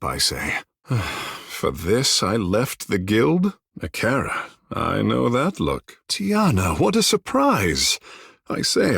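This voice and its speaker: Tekēhu, a vain, wildly expressive sea-godling. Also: male voice, fairly low pitch, creaky, slightly rough, dry recording, clean studio sound, full character voice. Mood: disdainful, then teasing surprise, then wry, haughty. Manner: theatrical, haughty, florid formal phrasing with tag phrases. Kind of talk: video game character dialogue.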